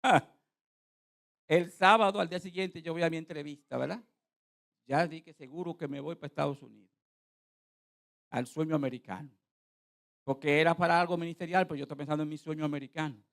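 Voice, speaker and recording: A middle-aged man preaching a sermon as pastor, telling a story in an animated way, dropping to quiet asides and rising to loud proclaiming. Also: on the high side, brisk, vocal fry, long pauses.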